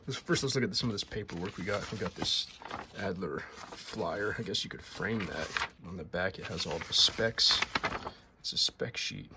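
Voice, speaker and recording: Casual male restorer, lowish voice, chatty and repetitive, noisy room with typing clicks. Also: vocal fry. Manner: rambling, repeats words, enthusiastic. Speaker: typewriter restorer. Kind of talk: casual show-and-tell.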